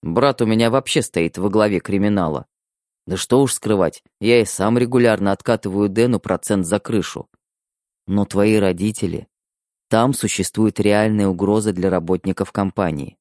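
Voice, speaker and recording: A man's voice: fairly low pitch, normal speed, darkish tone, dry recording, clean studio sound, pitched below the performer's own voice, close to an everyday voice. A man voicing a tough, blunt husband in an audiobook, speaking in coarse, plain words. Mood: grim. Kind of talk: audiobook character voice.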